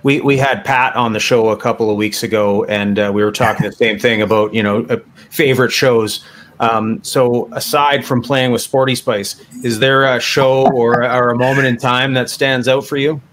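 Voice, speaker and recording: A man's voice: medium pitch, fairly even intonation, normal speed, a bit bright, slight background noise. A man hosting a casual interview, asking his guest questions in a conversational way that halts a little. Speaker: host.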